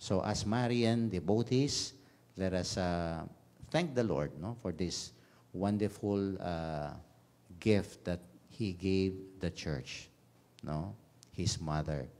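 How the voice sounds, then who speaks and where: A Filipino parish priest preaches a homily in a low, dark voice at an unhurried pace. He moves freely between English and his own language, tagging his phrases with a questioning "no?" The delivery is mellow and pastoral, aimed at a radio congregation. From Philippines. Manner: switches between Tagalog and English, frequent "no?" tags. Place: radio station chapel.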